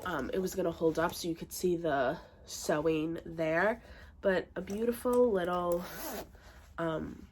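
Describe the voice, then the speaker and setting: A woman's voice: medium pitch, a bit bright. A young woman vlogging casually, showing off her collection in a chatty, gushing way with lots of fillers. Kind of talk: casual show-and-tell haul video.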